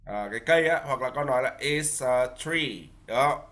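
A man teaching an online English class to young children. He coaxes patiently and says English phrases slowly for them to repeat. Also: medium pitch, a bit bright. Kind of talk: online class teaching, mixing Vietnamese instructions with English drills. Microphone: video call.

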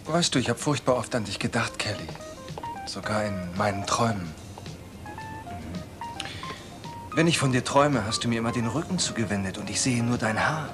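Guy dubbing a lovesick soap admirer, soft and pleading, music under it. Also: mid-range voice, animated, normal speed, long pauses, natural voice. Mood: wistful. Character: lovesick man pining for his old flame. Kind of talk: German TV soap dub.

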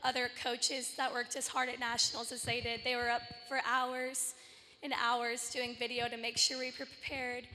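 A young woman who plays on a college volleyball team, her voice hoarse, giving an earnest thank-you speech with many pauses. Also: on the high side, completely flat delivery, pushed and bright, long reverb tail, a little hiss or hum. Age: young adult. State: lost her voice. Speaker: senior college volleyball player.

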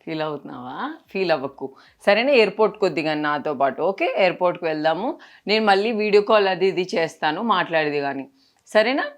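Gentle coaxing woman vlogger. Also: fairly low pitch, expressive, quick pace. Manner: coaxing, tender, talks to a small child. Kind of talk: casual vlog chat.

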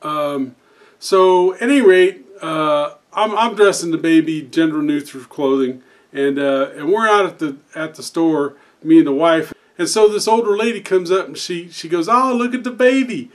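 An older man tells a dad joke as a long, meandering story. His voice sits a little high for a man. He moves through it haltingly, hesitating and doubling back on his words. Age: 50s or older. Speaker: host of a daily joke show. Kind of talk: telling a dad joke as a rambling anecdote.

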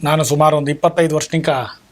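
A man's voice: on the high side, steady tone, fast talker. A man, a village stage actor, answering interview questions simply and humbly, laughing now and then.

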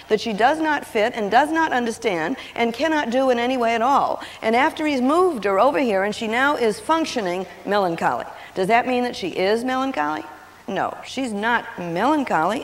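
A woman giving a lively teaching talk, telling stories and acting out what people say in changing voices. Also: fairly high pitch. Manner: animated, acts out quotes in changing voices. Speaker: seminar speaker on personality and marriage. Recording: long hall reverb on an old videotape.

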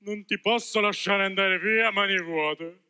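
Mangiafuoco, burbero dal cuore tenero fatto da un attore. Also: male voice, high-pitched, a little slow, sharp tone, smooth, full character voice. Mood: gruff. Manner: blustering, theatrical, melodramatic sobbing. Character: gruff but soft-hearted male puppet master. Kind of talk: school stage musical, sung and spoken. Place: school theater stage. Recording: reverberant theater hall.

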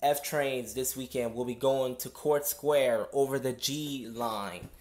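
A man's voice: medium pitch, fairly even intonation, slow pace, a little mellow. A man working as a subway train announcer, giving formal passenger service announcements in the manner of an airport announcement.

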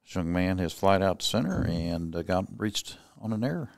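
A man calling play-by-play for a high school baseball game in a plain, matter-of-fact way. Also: expressive, moderate pace, gravelly, dry recording, clean studio sound. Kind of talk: casual play-by-play commentary.

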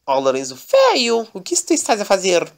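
A man voicing a fussy woman in a drawn-out falsetto for a comedy parody. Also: wildly swooping pitch, background noise, full character voice. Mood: scolding. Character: fussy high-voiced woman Daniella.

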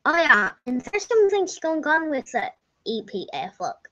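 Narrating her game, a young woman speaks slowly in a slightly high, unhurried voice that's also very animated, bright and forceful. Her casual commentary rambles, she corrects herself, and sometimes she sinks to a whisper, all through a dull, lo-fi home desk mic.

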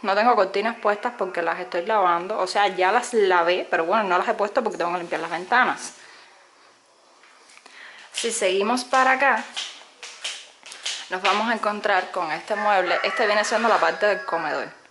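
A woman's voice: medium pitch, moderate pace, long pauses. Brief: young Cuban-accented woman vlogger, chatty phone-filmed house tour, faint hiss. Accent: Cuban Spanish. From Cuba. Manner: chatty, many "eh" fillers, addresses viewers directly. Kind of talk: casual house-tour narration. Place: small home, indoors. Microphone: handheld phone camera, speaking from behind it.

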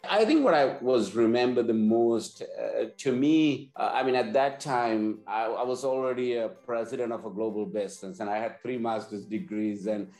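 A man's voice: mid-range voice, normal speed, few pauses, darkish tone, echoey room, soft background music. A man in his forties from Sri Lanka, an earnest business leader interviewed over a video call, often repeating words as he restarts. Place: indoor office, plain wall. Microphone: video call webcam.

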